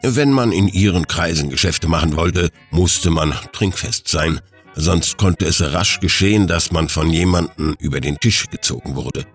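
A man narrating an audiobook story with expressive, scripted storytelling. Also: sits low, normal speed, faint music behind.

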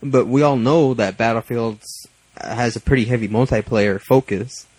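A young man co-hosting a casual podcast chat, joking and teasing, often trailing off into a lower voice. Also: normal speed, a little mellow, breathy edge, dry recording, rough recording. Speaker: podcast co-host.

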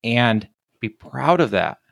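A man's voice: medium pitch, animated, slow, creaky, no room sound, studio quality. A man hosting a casual conversational interview, talking chattily and often adding "like" and "right?". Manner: chatty, leans on 'like' and 'right?'.

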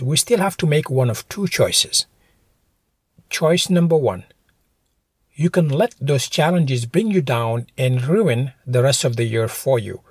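A man's voice: medium pitch, breathy edge, no room sound, studio quality. A man hosting a motivational podcast, talking to listeners in a direct, encouraging way. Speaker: podcast host.

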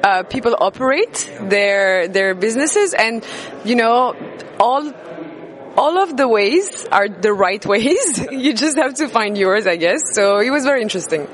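A woman with a fairly high voice speaks in a hesitant, thoughtful way. She leans on a few fillers as she gathers her words. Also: animated, unhurried. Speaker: kombucha business owner.

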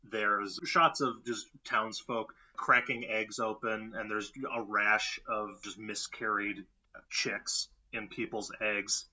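A man co-hosting a horror film podcast in casual chat, wry and quick to laugh. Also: fairly low pitch, level tone, sharp tone, muffled recording. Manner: wry, laughs often, puts on mock voices. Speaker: podcast co-host.

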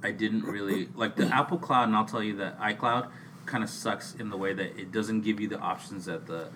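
A man's voice: fairly low pitch, fairly even intonation, a little fast, pushed and bright, far from the mic. A man co-hosting a podcast in casual chat, rambling along with frequent restarts. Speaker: podcast co-host. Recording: off-mic with faint background hiss.

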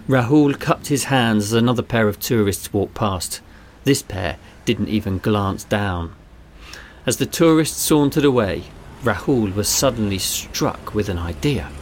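A man reading a children's adventure story aloud in a measured storytelling delivery. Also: on the low side, a little hiss or hum. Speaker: narrator. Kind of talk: scripted narration.

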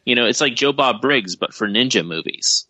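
A man's voice: mid-range voice, animated, normal speed, pushed and bright, no echo. A man co-hosting a horror movie podcast over a call, chatting casually with lots of fillers and restarts. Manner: rambling, many fillers and restarts. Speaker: podcast co-host. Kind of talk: casual chat. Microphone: remote call.

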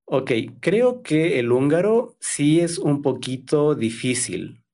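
A man in his thirties from Ecuador, a Spanish teacher speaking slowly and carefully as a guest in a conversation for learners, soft-spoken with small fillers. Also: a little high, big pitch swings. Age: 30s.

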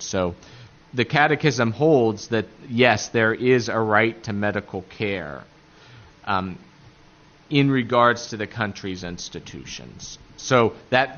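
A man with a fairly low voice and an Appalachian accent teaches catechism. He explains point by point in a halting way, often searching for the next word. The recording is somewhat dull and muffled. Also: fairly bright tone. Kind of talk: religious lecture, explaining point by point.

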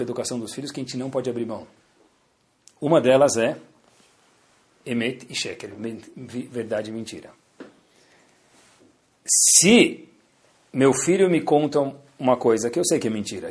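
A rabbi teaching a Torah lesson with stories, lively, swinging between loud emphasis and soft asides, and acting out the dialogue. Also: male voice, medium pitch. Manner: acts out dialogue in his stories.

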